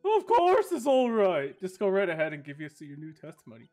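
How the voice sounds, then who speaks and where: A woman's voice: lowish voice, huge pitch swings, brisk, darkish tone, soft background music. A woman voicing an elderly male judge in a fan voice-acted playthrough, with a stammering, quavering delivery. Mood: indulgent.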